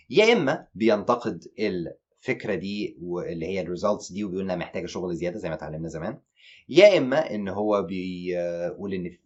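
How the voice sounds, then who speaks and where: A man with an Egyptian Arabic accent teaching an online exam-prep lecture, animated and mixing English terms into his explanations. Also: deep voice, husky, lo-fi sound.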